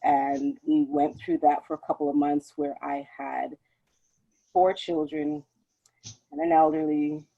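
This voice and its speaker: A woman on a panel giving a measured, candid personal account. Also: deep voice, creaky, slightly rough. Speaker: homeschooling mom on panel. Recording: dull lo-fi audio.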